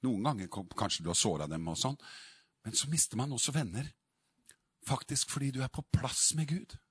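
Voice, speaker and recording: A man's voice: medium pitch, very animated, slightly rough, no echo, studio quality. A man preaching a sermon in a fervent, emphatic way.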